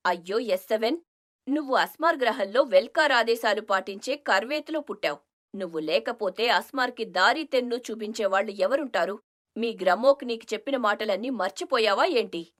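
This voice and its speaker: A woman voicing a stern, loyal male alien in an animated story, in a put-on deep voice, earnest and scolding. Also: brisk. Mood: alarmed. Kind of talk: storybook cartoon voice acting.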